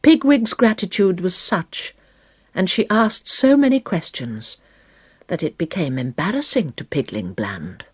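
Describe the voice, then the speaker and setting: A woman narrating a children's storybook in a slow, lilting, lively way, with a husky, breathy voice. Her voice swings high and low, and the recording is dry and close. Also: no echo. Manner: slow, expressive, varied pitch. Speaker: storybook reader.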